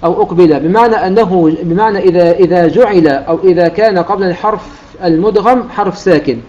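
A man teaching the rules of Quran recitation, explaining a classical poem line by line and slowing down to recite the examples. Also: sits high, darkish tone. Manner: explanatory, quotes verses in a slow chanted delivery. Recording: dull lo-fi recording.

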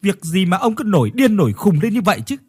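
A man's voice: medium pitch, big pitch swings, a little fast, darkish tone, husky. A man voicing a middle-aged mother who indignantly defends her son and scolds back.

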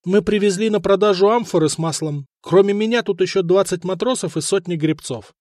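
A man's voice: high-pitched, a little fast, a little mellow, no room sound, pitched above the performer's own voice, close to an everyday voice. A male narrator plays a timid ship's mate who answers hesitantly, eager to please. He is recorded close and dry.

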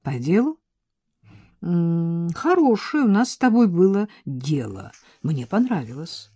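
A woman's voice: lowish voice, big pitch swings, measured pace, mellow, slightly rough, no echo, clean studio sound, full character voice. A woman voicing a blunt, guarded man who asks short, pointed questions. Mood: wry. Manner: blunt, terse, commanding questions.

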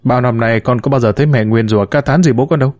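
A man's voice: mid-range voice, quick pace, a little mellow, no echo, clean studio sound, natural voice. A man voicing an earnest, stubborn young adult son who argues firmly with his mother in an audiobook story. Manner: earnest, pleading yet firm.

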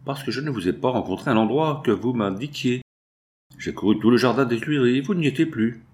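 A man's voice: mid-range voice, a little fast, a little mellow, close to an everyday voice. A man reading as an anxious young woman.

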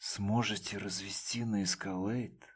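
Man reading as a cold young man, flat, detached, slow, audiobook. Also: on the low side, slightly rough.

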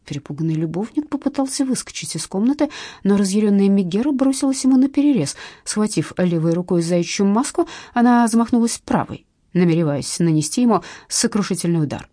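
A woman reading a comic detective novel aloud in measured, expressive audiobook narration. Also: medium pitch, husky, dry recording, studio quality.

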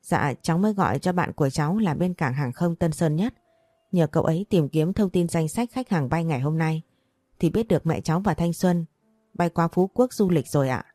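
Earnest respectful young man in an audiobook, read by a woman, polite and pleading; low and dry. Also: lively intonation, a little fast, dark tone, no room sound. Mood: explaining.

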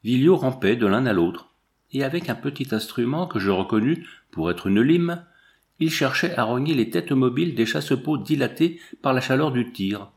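Homme au débit posé, narration de livre audio. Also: male voice, mid-range voice, lively intonation, normal speed, vocal fry. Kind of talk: scripted narration of a memoir.

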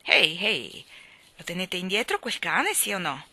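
A woman voicing a testy, miserly old gentleman. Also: mid-range voice, lively intonation, brisk, no echo. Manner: testy and suspicious.

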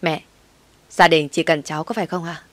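A woman voicing a wronged wife who speaks with cold, firm calm, in a low voice. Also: fairly quick, dry recording.

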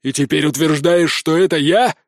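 A man voicing a huge, furious male cat-warrior prince who roars his lines slowly and with command. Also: on the high side, no room sound, studio quality, lightly acted. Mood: roaring. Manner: roaring, slow and commanding.

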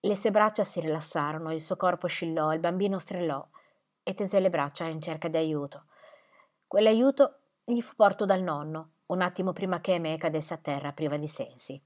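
A woman narrating an audiobook with an expressive, dramatic reading. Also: on the low side, a little fast. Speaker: audiobook reader. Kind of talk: scripted narration.

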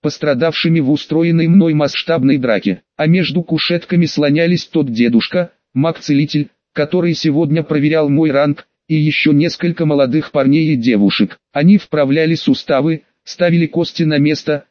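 Male audiobook narrator, first-person, measured, slightly high voice, dry dull audio. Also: dry recording.

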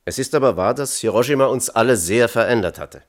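Using his natural, medium-pitched voice, a male actor gives an animated performance as a thoughtful physicist wrestling with his conscience. In this German radio play he testifies as a witness, measured and candid.

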